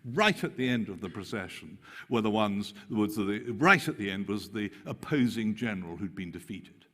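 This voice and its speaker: A man preaching a conference sermon, animated and mocking in tone when quoting scripture. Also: lowish voice, moderate pace. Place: large hall. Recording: long hall reverb.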